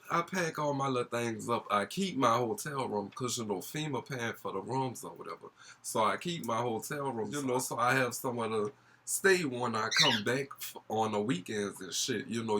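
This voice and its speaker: A man's voice: lowish voice, a bit bright. A young man with a New Orleans accent telling a casual vlog story in a gossipy, sassy, slangy way. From New Orleans, USA. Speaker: YouTube storyteller.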